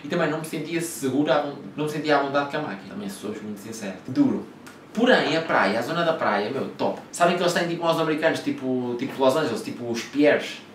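A man's voice: medium pitch, animated, quick pace, slight background noise. A young man from Portugal with a Lisbon slang accent, telling travel stories in a casual, rambling way, full of swearing and fillers. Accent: European Portuguese, Lisbon slang. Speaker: vlogger. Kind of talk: casual storytelling. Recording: echoey room, mic at a distance.

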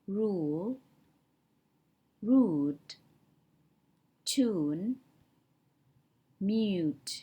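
A young woman teaching English vowel sounds, saying each example word slowly and often more than once. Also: on the low side, warm tone, slightly rough. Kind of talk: slow vocabulary lesson with spoken word examples.

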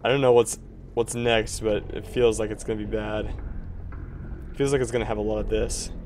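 A man playing a horror game on his channel, murmuring slowly to his viewers and breaking into startled exclamations. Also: lowish voice, little pitch movement, a little mellow, slight background noise. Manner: exclaiming, easily spooked. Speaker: gaming YouTuber. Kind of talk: let's play commentary.

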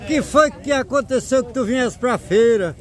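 A man's voice: very high-pitched, moderate pace, a bit bright. A man with a Pernambuco accent from Brazil's Northeast gives casual running commentary at a street market, greeting passers-by and repeating short exclamations. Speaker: vlogger filming a street market. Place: outdoors in an open-air street market. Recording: outdoor street market with busy crowd and traffic.

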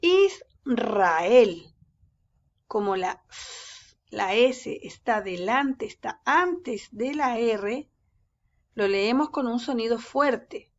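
A woman teacher giving a reading lesson to young children, speaking slowly and patiently and stretching words out syllable by syllable. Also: on the high side, animated, lo-fi sound. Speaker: first-grade teacher.

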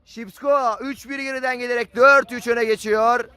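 A man commentating live on an amateur football match, screaming drawn-out goal calls. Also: very high voice, steady tone, pushed and bright, smooth, no echo.

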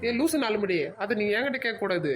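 A woman's voice: medium pitch, animated, a little fast, loud music behind the voice, lightly acted. A woman voicing a scheming village girl in a cartoon comedy, who talks sweetly to others and mutters her schemes aside. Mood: gossiping. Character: scheming village girl Nettavalli, sly troublemaker.

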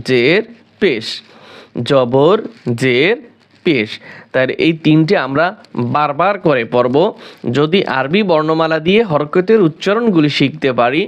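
A male Quran reading teacher with a Bangladeshi Bengali accent and a fairly high voice. He talks very slowly and deliberately. He drills each syllable aloud and repeats it several times for his students. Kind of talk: slow, deliberate spoken lesson.

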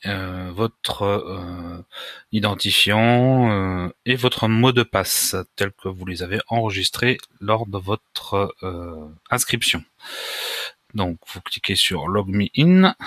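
Guy doing a screen tutorial, kinda halting, lots of ums, lowish bright voice, dry close mic. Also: no echo. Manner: hesitant, many fillers and restarts, casual explanations. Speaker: WordPress tutorial maker. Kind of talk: screen-recorded software tutorial.

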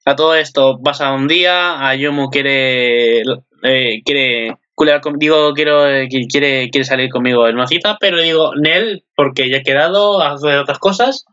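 Man hosting a casual commentary, crude and joking, rambling with fillers, bright tense tone, dull lo-fi mic. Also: medium pitch, steady tone, normal speed. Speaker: channel host. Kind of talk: casual commentary on an anime preview.

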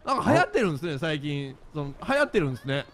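A man in a game roleplay, flustered and firing off rapid denials. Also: a little high, sing-song, a loud crowd. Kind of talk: in-character game roleplay chat.

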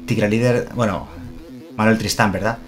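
A man's voice: on the low side, steady tone, moderate pace, soft background music. A man from chatting casually on a live stream, explaining things and answering viewers' comments.

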